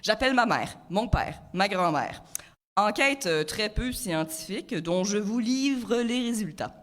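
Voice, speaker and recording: A woman's voice: medium pitch, lively intonation, a little slow. A 26-year-old woman with a Franco-Ontarian accent delivering a playful, rhyming comic chronicle full of wordplay. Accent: Franco-Ontarian French. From Ontario, Canada. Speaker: comic columnist. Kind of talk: humorous rhyming spoken chronicle.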